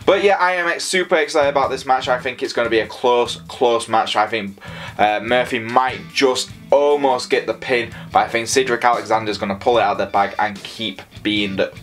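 Excitable guy rambling predictions. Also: mid-range voice, normal speed, soft background music. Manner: excitable, rambling, talks straight to viewers. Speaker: wrestling predictions host. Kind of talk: casual predictions vlog.

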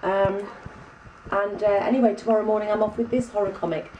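A woman's voice: mid-range voice, steady tone, brisk, roomy sound, recorded from a distance, muffled recording, slight background noise. A woman with an English accent giving a breezy, chatty catch-up to camera, full of ums. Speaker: vlogger giving a personal catch-up. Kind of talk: casual chat to camera.

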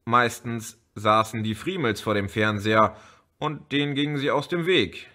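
A man narrating an audiobook chapter in a measured storytelling manner. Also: mid-range voice, pushed and bright. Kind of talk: scripted narration.

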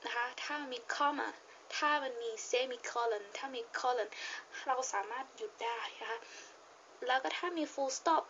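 A high-voiced young woman with a Thai accent gives a casual reading lesson, speaking slowly and patiently. She repeats key points and leans hard on stressed words when reading. The recording is a bit dull, with a faint hiss underneath. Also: fairly bright tone. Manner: patient, repeats points with frequent polite particles; reads English passage slowly with stressed words. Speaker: English teacher.

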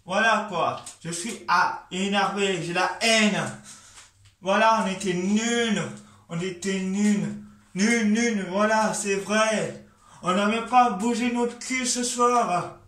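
A man's voice: sits high, slow pace, a bit bright, far from the mic. A man ranting with angry, repetitive venting and swearing in a fed-up football rant. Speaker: vlogger. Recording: echoey room, voice from afar.

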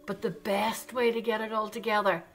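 An older woman hosts a children's baking show from her home kitchen, chatting directly to young viewers and coaxing them with questions as she demonstrates. Her mid-range voice stays fairly flat in pitch and moves at a moderate pace. The recording quality is low.

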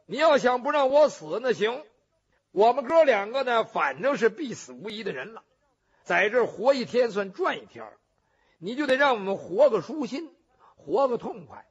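A man's voice: extremely high pitch, very animated, normal speed, slightly rough, full character voice. A male storyteller voicing a brash, swaggering bandit hero who blusters and gives orders, in a traditional storytelling performance. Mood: bossy. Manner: blustering, defiant, bossy. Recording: dull lo-fi recording.

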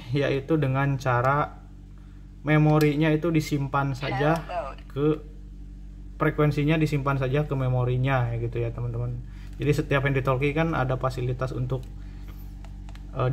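A repair technician with a medium-pitched voice walks through a relaxed, hands-on tutorial at a cluttered indoor workbench, slight background noise behind him. He tends to restate and reword things as he goes.

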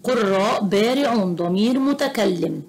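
A woman with an Egyptian Arabic accent tutoring young children in Arabic grammar, slow, patient and encouraging. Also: medium pitch, expressive, gravelly, darkish tone. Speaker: private tutor. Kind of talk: teaching a children's Arabic lesson.

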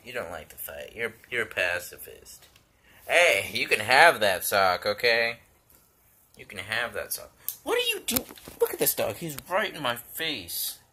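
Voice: mid-range voice, measured pace, breathy edge. A vlogger talking casually while playing with a puppy, swearing freely and calling out playful exclamations. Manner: lively, playfully exaggerated exclamations.

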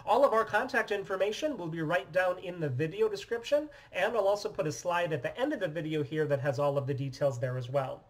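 Male demo host, 30s, slightly raised pitch, steady explainer tone, small office room. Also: fairly quick, few pauses, low-quality recording. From United States. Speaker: phone repair business owner. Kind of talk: scripted product demonstration.

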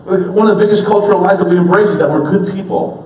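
A man in his thirties preaching a sermon in an earnest way, moving between hushed, slow lines and emphatic ones. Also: high voice, steady tone, a little hiss or hum. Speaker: pastor. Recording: roomy, distant church recording.

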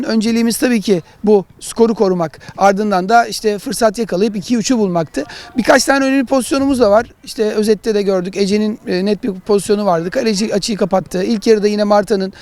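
A man talking through match analysis as a football pundit, in halting, explanatory phrases. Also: sits high, darkish tone. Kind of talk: analytical studio discussion of matches.

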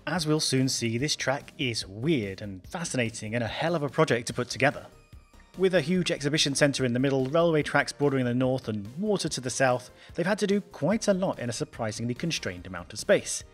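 A man reading a scripted documentary voice-over in a brisk, wry, emphatic way, with faint music behind. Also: medium pitch, animated. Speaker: narrator.

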